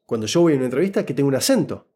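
Racing along at a medium pitch, a man with a Buenos Aires Argentine Spanish accent appears as an interview guest. He's animated and explanatory as he tells a casual story about job interviews and gives advice, often checking in with whoever's listening.

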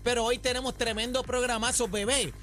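A Puerto Rican man co-hosting a radio show, bantering and teasing with sing-song asides. His voice is quite high for a man, with soft music under it. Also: steady tone, fairly quick. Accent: Puerto Rican Spanish.

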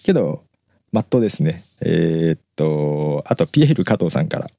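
A man's voice: a bass voice, big pitch swings, moderate pace, vocal fry, mellow, dry recording, studio quality. A man hosting a casual live-stream show, reading out listener messages in a chatty way and laughing often between remarks. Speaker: host.

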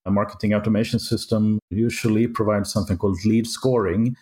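A middle-aged man from Sweden with a Swedish accent, a guest giving measured, explanatory interview answers. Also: lowish voice, steady tone, warm tone.

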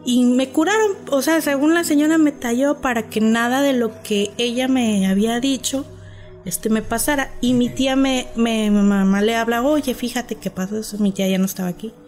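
A woman's voice: fairly high pitch, normal speed, soft background music. A woman with a Mexican accent, animatedly telling a personal story as a podcast guest and acting out the people in it. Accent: Mexican Spanish. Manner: animated, acts out quoted voices. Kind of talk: casual storytelling.

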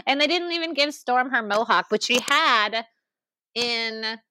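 A woman co-hosting a podcast in casual chat, animated and ranting, with quick asides and laughs. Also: a little high, slight background noise. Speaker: podcast co-host.

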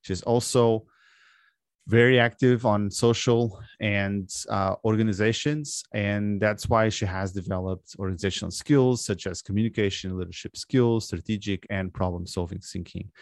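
A man hosting a conversational interview in an underground studio, speaking haltingly and repeating words. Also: on the low side, no echo. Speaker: podcast host and interviewer. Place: underground bunker-like studio in Lisbon.

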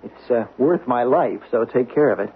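A man's voice: mid-range voice, expressive, normal speed, lightly acted. Through a narrow, hissy old radio sound comes a man acting an eager young employee-type courier, naive and easygoing. His voice sits in an ordinary middle register, chatty and a little hesitant. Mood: casual. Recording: tinny, noisy old radio recording.

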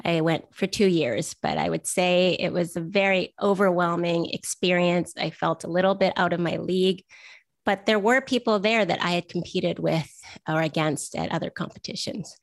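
A woman's voice: on the low side, fairly even intonation, moderate pace, creaky, no echo. A woman in her forties from Vancouver, chatting as an interview guest and telling stories in a self-deprecating way. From Vancouver, Canada. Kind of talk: casual interview conversation.

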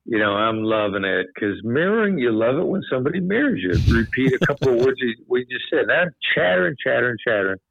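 A man's voice: mid-range voice, fast, vocal fry, hardly any pauses. A man, a former hostage negotiator, telling stories and giving advice in a casual podcast chat, with lots of "you know". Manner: relaxed, repeats "you know", animated when quoting others. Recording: tinny phone-like line, dry.

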